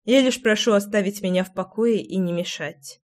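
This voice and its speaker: A woman's voice: mid-range voice, moderate pace, natural voice. Tayrin, a woman doing a cold, cutting seer. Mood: resolute.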